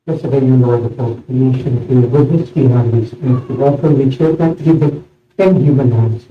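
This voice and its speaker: A man serving as priest, reciting a eucharistic prayer solemnly in measured, short phrases, in a large reverberant church. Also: medium pitch. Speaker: priest celebrating communion. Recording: echoey church, distant mic, muffled sound.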